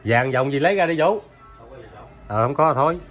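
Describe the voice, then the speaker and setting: A man's voice: medium pitch, animated, moderate pace, fairly bright tone, soft background music. A man with a Mekong Delta Vietnamese accent hosting a vlog, chatting casually and teasing, laughing often. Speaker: vlog host. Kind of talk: casual chat.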